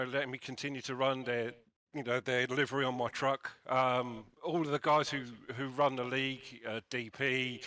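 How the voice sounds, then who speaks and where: A man giving a post-race interview, his voice bright and forward. He stops and repeats words as he gathers his thoughts, and the sound is dry and close. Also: medium pitch, dry recording. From United Kingdom. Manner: halting, repeats words while thinking. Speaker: race winner being interviewed.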